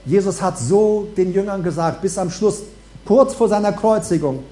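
High-voiced preacher in an echoey hall. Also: male voice, normal speed. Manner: animated, swings between loud calls and hushed asides. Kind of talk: sermon.

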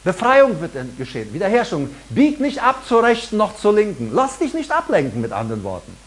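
Middle-aged male pastor, husky voice, sermon delivery with big swings of pitch. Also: wildly swooping pitch, brisk. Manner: preaching emphatically with rising and falling delivery.

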